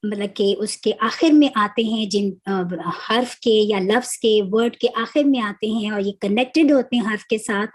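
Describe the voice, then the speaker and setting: A woman teaching a religious lesson on Quranic Arabic grammar, explaining patiently step by step and pausing to search for words. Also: mid-range voice, darkish tone. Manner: recites Arabic prayers before teaching.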